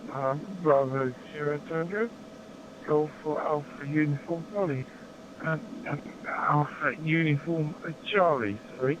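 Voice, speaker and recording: Slow, halting older Englishman on crackly radio. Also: fairly high pitch. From Somerset, England. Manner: halting, hesitant, many long pauses. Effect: crackly two-way radio. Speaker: amateur radio operator. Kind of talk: amateur radio contact chat. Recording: muffled noisy digital radio link.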